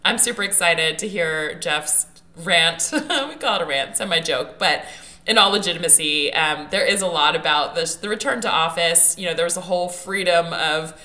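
A woman co-hosts a casual podcast while fighting off a cold, so her voice comes out raspy. Her tone is low in pitch yet bright and forward. She chats easily and laughs often. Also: moderate pace. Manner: laughs a lot, warm and conversational. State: sick, raspy voice. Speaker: podcast co-host.

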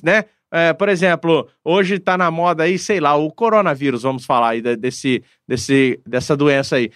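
Man, high-pitched, earnest conversational guest, dry close recording. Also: a bit bright, dry recording. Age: adult, father of a daughter. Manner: earnest, reflective, frequent hesitations. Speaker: guest speaking with a pastor. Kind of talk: casual conversational talk.

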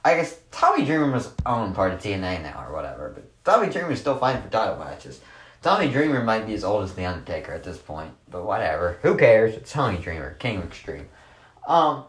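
Male solo host, low-ish voice, rambling sarcastic rant, echoey room. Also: sing-song, brisk. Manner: sarcastic, rambling, dismissive asides. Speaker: podcast host. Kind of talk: casual solo sports rant.

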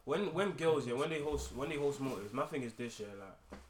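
A man's voice: mid-range voice, animated, brisk. A young man from London with a roadman accent, chatting casually in slang, repeating himself and checking that others follow. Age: young adult. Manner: slangy, repetitive, checks listeners follow him. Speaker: podcast co-host. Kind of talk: casual group chat. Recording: echoey room, clearly noisy, clicks.

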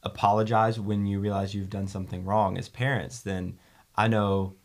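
Polite young man, low voice. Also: flat delivery. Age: young adult. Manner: measured, polite, thoughtful. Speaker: guest. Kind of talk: casual conversation.

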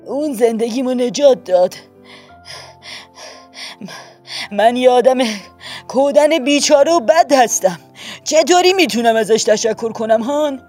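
A woman's voice: a little high, expressive, a little mellow, faint music behind. A woman doing a frail, lonely old man. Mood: grateful. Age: older. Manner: slow, weak, mumbling.

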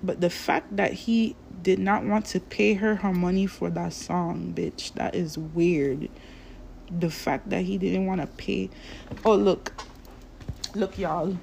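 Slow, gravelly-voiced woman ranting. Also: lowish voice, steady tone, darkish tone, a little hiss or hum. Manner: profane, rambling, drawn-out delivery. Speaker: vlogger. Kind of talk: casual ranting monologue.

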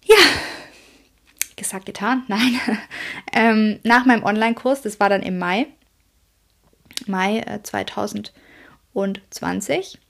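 Expressive woman with vocal fry. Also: mid-range voice, slow pace, long pauses. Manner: emotional, addresses listeners directly. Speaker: self-employed coach. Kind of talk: personal storytelling monologue.

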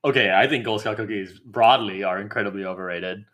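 A young man hosting a snack review podcast, chatting casually and giving animated, opinionated takes. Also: lowish voice, fairly quick. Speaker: podcast host. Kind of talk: casual chat.

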